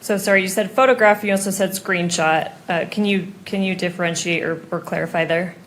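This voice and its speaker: An American woman working as a prosecuting attorney examines a witness in court, her lowish voice moving a little fast. She questions formally, methodically and precisely, and the courtroom audio is noisy.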